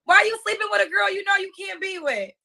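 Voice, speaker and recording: A woman hosting a live-stream dating interview, firing off quick questions and repeating the answers back. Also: very high-pitched, gravelly, bright, forceful tone.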